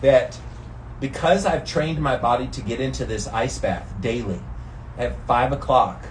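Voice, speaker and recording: A man's voice: medium pitch, a little slow. Man, American accent, speaking while in ice-cold water, casual rambling vlogger, slangy and emphatic, mic at a distance, faint background noise. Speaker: vlogger doing a daily challenge. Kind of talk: casual rambling vlog talk.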